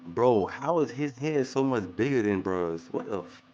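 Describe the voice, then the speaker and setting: A man's voice: mid-range voice, lively intonation, moderate pace, darkish tone, muffled recording. A man giving casual livestream reaction commentary, talking conversationally with fillers. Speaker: reaction streamer.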